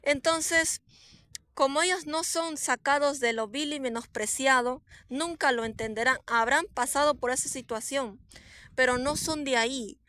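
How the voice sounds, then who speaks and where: A woman, a prophetess, giving an earnest, emotional personal testimony, swinging between soft and emphatic and repeating herself for emphasis. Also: sits high, measured pace, no room sound. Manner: repetitive, with frequent restarts and fillers.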